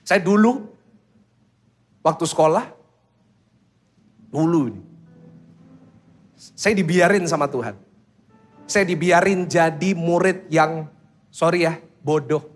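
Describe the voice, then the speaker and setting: A man preaching a sermon as pastor, telling stories, acting out children's voices, and quizzing the congregation with quick questions. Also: on the high side. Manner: storytelling that acts out children's voices.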